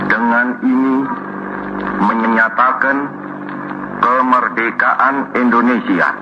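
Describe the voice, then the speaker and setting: A man solemnly reading out a formal proclamation in a slow, measured way, on an old archival recording. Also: medium pitch. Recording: lo-fi archival recording with clear hiss.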